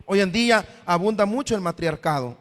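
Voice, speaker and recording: High-voiced preaching pastor in a reverberant hall. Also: male voice, animated, a little fast, fairly bright tone. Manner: preachy, repeatedly addresses listeners as brother; voices imagined questions from the congregation. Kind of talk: sermon. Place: church hall.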